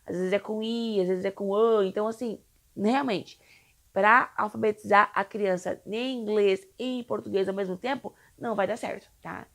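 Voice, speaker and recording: A woman's voice: medium pitch, fairly even intonation, moderate pace, fairly bright tone. A young woman from Brazil, an English teacher for children, explaining in a chatty, reassuring way with frequent tag questions. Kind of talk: casual explainer video.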